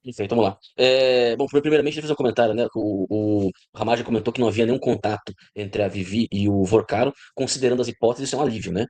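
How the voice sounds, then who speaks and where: A man speaks as a guest commentator at a brisk pace. He opens with hesitant fillers and then settles into a patient, lecturing explanation. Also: mid-range voice, steady tone, a little mellow. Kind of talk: explanatory discussion.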